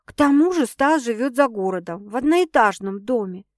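A woman's voice: fairly high pitch, expressive, normal speed, no room sound, studio quality, close to an everyday voice. A woman voicing a flustered young woman who answers hesitantly and a bit defensively. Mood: unsettled. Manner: hesitant, sighing, a little defensive. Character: flustered young woman, wary but curious.

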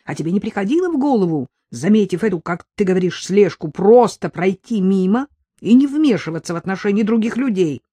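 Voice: mid-range voice, lively intonation, brisk, dark tone, breathy edge, no echo, voice pushed up. An audiobook reader voicing an irritated husband who scolds his wife sarcastically during a quarrel. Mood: sarcastic. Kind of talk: audiobook character voice.

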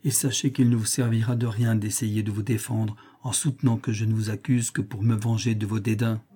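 A man's voice: lowish voice, flat delivery, a little fast, dark tone, breathy edge. A man voicing a jealous, menacing fallen priest in an audiobook, his lines cold and threatening. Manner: cold, threatening, then pleading. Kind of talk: audiobook character reading.

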